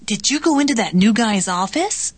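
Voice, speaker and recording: A woman reading scripted practice dialogues for a language lesson in a clear, measured way. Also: fairly high pitch, lively intonation, no room sound.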